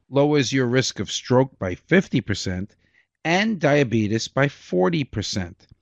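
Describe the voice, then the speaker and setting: A man's voice: on the high side, vocal fry, no echo. A man co-hosting a comedy podcast, cracking jokes and laughing at his own puns. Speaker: podcast co-host. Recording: dull lo-fi podcast audio.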